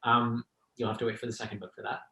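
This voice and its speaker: A man's voice: medium pitch, flat delivery, fast talker, pushed and bright, reverberant, low-quality recording. A man speaking as a translator in a conversational talk, thoughtful and hesitant with many fillers.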